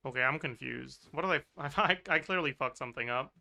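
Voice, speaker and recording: Bright-voiced swearing game streamer man. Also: medium pitch, a little fast, vocal fry. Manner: casual, swears, laughs, thinks aloud. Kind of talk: livestream game chat.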